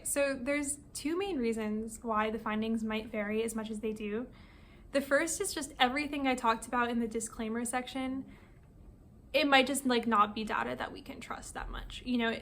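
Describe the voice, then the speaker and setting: A woman's voice: on the high side, a little hiss or hum. A woman hosting an explainer video, talking casually and informally with frequent fillers and restarts. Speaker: video essay host.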